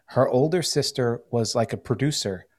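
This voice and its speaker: A man's voice: medium pitch, moderate pace, a little mellow. An American man hosting a podcast in casual chat, rambling with many fillers and restarts. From United States. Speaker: podcast host.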